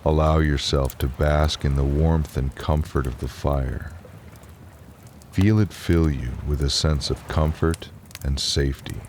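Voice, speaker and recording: Very deep, slow, soothing male bedtime narrator. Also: slight background noise. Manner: soothing, calm, unhurried. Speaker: relaxation narrator and storyteller. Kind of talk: slow guided relaxation and bedtime story narration.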